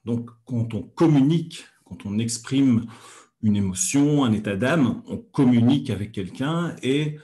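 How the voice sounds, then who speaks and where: A man teaches hypnosis and communication on his own channel, in a mellow, warm tone. He speaks in a measured, soothing way, often pausing on filler sounds as he gathers his thoughts. His pitch sits in an ordinary middle range. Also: lively intonation. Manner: hesitant, many filler pauses. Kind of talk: calm teaching talk on a livestream.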